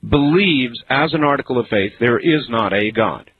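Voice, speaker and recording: A man hosting a late-night call-in radio show, relaxed and wry, pushing back on his callers. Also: medium pitch, normal speed. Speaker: radio talk show host. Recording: phone-like AM radio broadcast with faint hiss.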